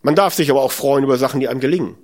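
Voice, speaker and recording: A man's voice: medium pitch, racing. A man giving a spoken sermon in a conversational way, musing aloud, asking rhetorical questions and often adding "ne?". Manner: conversational, often adds tag "ne?".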